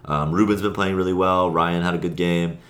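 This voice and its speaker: A man hosting a casual talk show about his rec league, rambling and correcting himself with sudden bursts of excitement. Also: low-pitched, a little fast. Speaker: podcast host, league player. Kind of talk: casual chat.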